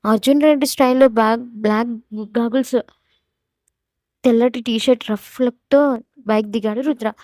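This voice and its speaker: A woman storyteller reading a dramatic romance story in an expressive, steady way. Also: a little high, normal speed, long pauses, dry recording.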